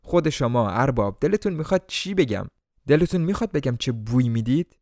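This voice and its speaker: A man voicing a tired, blunt waitress who talks in a weary, sharp-tongued way. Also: fairly low pitch, creaky, no room sound, studio quality. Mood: indignant.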